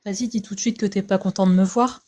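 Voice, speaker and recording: A woman's voice: medium pitch, steady tone, fast talker, warm tone. A woman joining a stream as a guest, chatting casually with a dry, teasing tone. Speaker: co-host guest. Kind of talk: casual chat.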